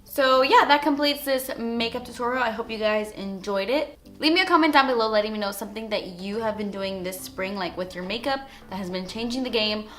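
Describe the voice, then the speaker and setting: A woman's voice: on the high side, fairly quick, hardly any pauses, fairly bright tone. A young woman vlogging a makeup tutorial in a casual, chatty way. She keeps dropping "like" between phrases as she explains each step. Faint music plays in the background. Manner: chatty, frequent "like" fillers. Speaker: beauty vlogger.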